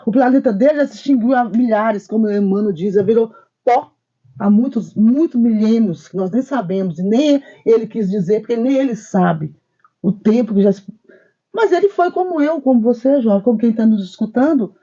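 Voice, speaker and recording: A woman's voice: lively intonation, normal speed, mellow, husky, muffled recording. A woman co-hosting a spiritist discussion program, speaking emphatically and telling stories with quoted dialogue. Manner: wide swings of pitch when stressing points. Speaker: co-host.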